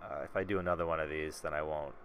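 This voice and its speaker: A man's voice: a bass voice, steady tone, quick pace, fairly bright tone, a little hiss or hum. A man with a Midwestern American accent talks casually while painting, rambling and self-deprecating with many ums and uhs. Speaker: artist. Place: home studio.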